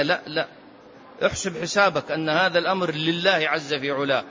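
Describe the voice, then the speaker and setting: Bright-voiced man teaching a religious lesson. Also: high voice, slight background noise. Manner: explanatory, asks rhetorical "ha?" of listeners. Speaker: sheikh teaching a hadith book. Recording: slightly dull lo-fi recording.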